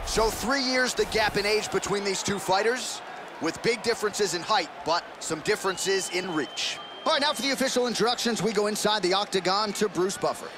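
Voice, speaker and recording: A man's voice: high voice, brisk. A man giving sports commentary on a fight in a video game. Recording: loud crowd and noise behind. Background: loud arena crowd.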